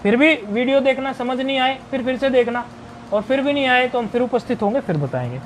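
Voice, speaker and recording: This recorded Sanskrit grammar lesson features a man with a very high-pitched voice and lively intonation, plus slight background noise. He explains methodically, answers his own questions, and reads out word forms slowly in sequence.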